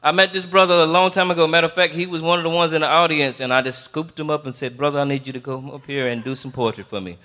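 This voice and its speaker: A man's voice: a little high, fairly even intonation, quick pace, few pauses, bright, forceful tone. A man hosting an open mic at a poetry cafe, hyping up the crowd between acts. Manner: hypes the crowd. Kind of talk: emcee hype talk. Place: live poetry cafe stage.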